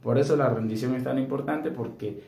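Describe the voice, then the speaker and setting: A man's voice: mid-range voice, brisk, creaky, mellow. Blunt, earnest man in an echoey room. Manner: earnest and blunt, often asking "¿sí?" for assent. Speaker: spiritual coach. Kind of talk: direct-to-camera spiritual advice.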